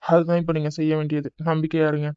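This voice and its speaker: Man voicing a calm cartoon doctor, measured and soothing, muffled dry recording. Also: on the high side, smooth, dry recording, natural voice. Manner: calm, reassuring. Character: calm male hospital doctor. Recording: dull dry recording with faint music.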